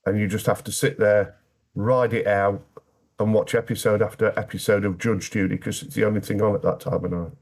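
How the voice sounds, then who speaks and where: Low-voiced British man, wryly plain-spoken. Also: little pitch movement, a little fast, a little mellow. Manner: plain-spoken, wry dry humour. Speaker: interview guest. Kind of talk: candid personal storytelling in conversation.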